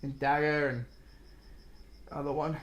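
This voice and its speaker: A man's voice: a little high, little pitch movement, a little slow, lo-fi sound, a little hiss or hum. A man from Western Australia with an Australian accent, co-hosting a podcast in casual chat, blunt and ranting and swearing freely. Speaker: podcast co-host.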